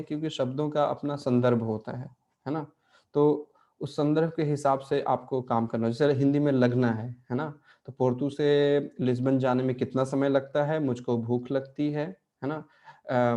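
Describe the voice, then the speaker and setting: Male teacher, mellow voice, patient explaining, checks in often. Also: medium pitch, dull audio. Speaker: Portuguese language teacher. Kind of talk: online language lesson.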